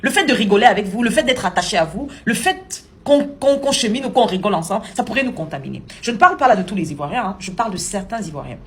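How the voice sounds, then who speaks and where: A woman's voice: medium pitch, animated, fast, hardly any pauses. A woman from Cameroon, giving indignant, sarcastic opinion commentary to camera as a vlogger.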